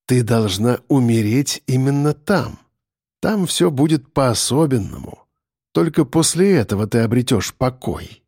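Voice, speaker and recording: A man voicing a menacing male cannibal captor who speaks quietly, slowly and coldly. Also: medium pitch, lively intonation, breathy edge, no room sound, studio quality. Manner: quiet, slow and icy. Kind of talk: audiobook character voice.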